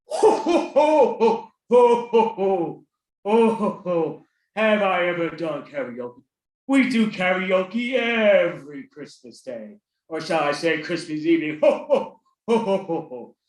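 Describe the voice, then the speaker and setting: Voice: mid-range voice, sing-song, slow pace, a little mellow. A performer putting on a jolly Santa Claus voice who keeps breaking into ho ho ho laughs, recorded in an echoey room. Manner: laughs ho ho ho between phrases.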